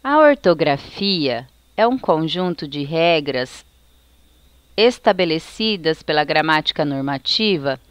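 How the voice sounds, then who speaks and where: Brazilian woman teacher, slow and careful delivery, smooth voice on a dry close mic. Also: deep voice, animated, no room sound. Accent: Brazilian Portuguese. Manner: slow, careful explanation, reading out lists. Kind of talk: recorded lesson for children.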